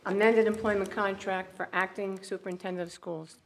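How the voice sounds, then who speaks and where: A woman runs a public school board meeting from the chair, speaking at an ordinary middle pitch. She reads formal resolution wording and calls for motions, now and then stumbling and restarting a phrase. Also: fairly even intonation, brisk. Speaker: board of education presiding officer.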